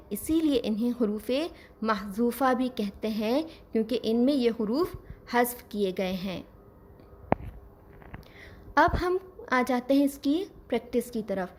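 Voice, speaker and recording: A woman teaching Quran recitation, explaining patiently step by step and slowing down to model each sound. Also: a little high, darkish tone. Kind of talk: scripted lesson.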